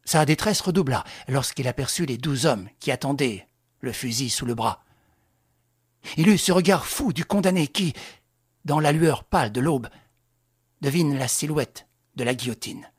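An audiobook narrator reading a novel aloud in a low, hushed storytelling voice. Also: moderate pace, long pauses, slightly rough, no echo, clean studio sound. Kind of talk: scripted narration.

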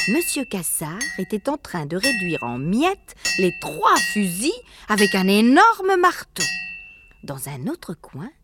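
A woman narrating an audiobook in an expressive, at times hushed storytelling voice. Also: mid-range voice, background noise.

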